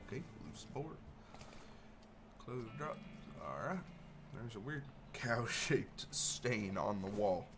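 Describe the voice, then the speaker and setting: A man's voice: on the low side, sing-song, takes it slowly, long pauses, noisy background. A man giving casual commentary on a video game playthrough, mumbling asides and reading on-screen text aloud.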